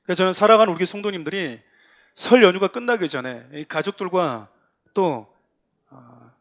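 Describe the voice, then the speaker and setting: Male pastor, sermon delivery, earnest and emphatic, slightly higher-pitched voice. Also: expressive, moderate pace. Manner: earnest, rising to emphatic exhortation with acted quotes. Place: church sanctuary.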